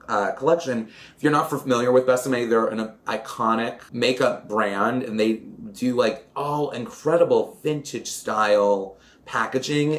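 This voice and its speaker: Chatty campy man recapping a film. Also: medium pitch. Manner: chatty, campy, dramatic asides. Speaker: vlogger. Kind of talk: casual movie recap while doing makeup.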